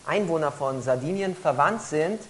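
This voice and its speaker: A woman interpreting a talk phrase by phrase, often pausing and hesitating as she searches for words. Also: low voice, expressive, slight background noise, rough recording. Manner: frequent hesitations while rendering each phrase. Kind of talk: consecutive interpreting into German.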